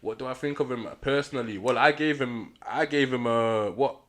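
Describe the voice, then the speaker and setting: A young man from Nigeria who was raised in London chats casually as a rapper guest. His medium-pitched voice is a bit bright and moves at normal speed, and he stays laid back, slang-heavy, and quick to laugh.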